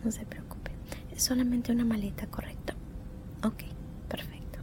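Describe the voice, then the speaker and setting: A woman doing a whispered role-play as a courteous, caring flight attendant, speaking softly and politely into a close microphone. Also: flat delivery, moderate pace. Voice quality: soft, mostly unvoiced whisper. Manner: gentle, attentive, polite service talk with diminutives. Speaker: ASMR performer playing a flight attendant. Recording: rumbling background noise.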